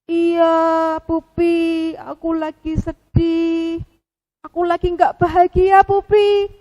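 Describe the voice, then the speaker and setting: A woman's voice: very high voice, lo-fi sound. Woman voicing a sad, tearful little penguin. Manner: soft, quiet and slow, breaking into sobs. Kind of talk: puppet storytelling for children.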